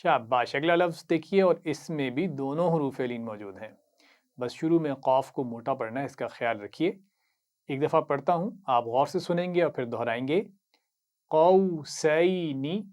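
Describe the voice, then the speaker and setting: A man with an Urdu accent teaching Quran reading, patiently explaining each word, reciting it slowly and praising the learner. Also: mid-range voice. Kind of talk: slow instructional lesson.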